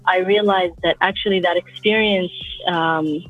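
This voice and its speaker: A woman in her thirties from Abu Dhabi, a guest artist talking in a relaxed, reflective way outdoors in the wind. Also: on the low side, a little slow. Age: 30s. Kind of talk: casual interview talk. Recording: dull lo-fi sound, faint music.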